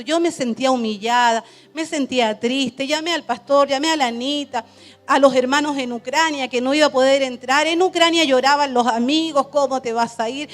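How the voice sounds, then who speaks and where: A woman missionary, telling her story to a church in a lively way, with laughs and acted quotes. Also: high-pitched. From Chile. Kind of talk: testimony in a church service.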